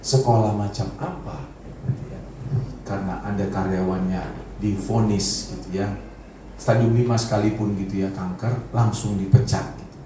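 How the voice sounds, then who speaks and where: A male pastor preaching a sermon in a relaxed, conversational way, with sudden swings up in pitch. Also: normal speed, background noise. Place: large church hall. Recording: very echoey hall from far off.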